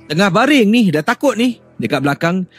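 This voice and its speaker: A man hosting a radio show, reading out listener ghost stories in an animated, suspenseful way. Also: brisk, breathy edge, soft background music. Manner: animated, with sudden rises in pitch and loudness for suspense.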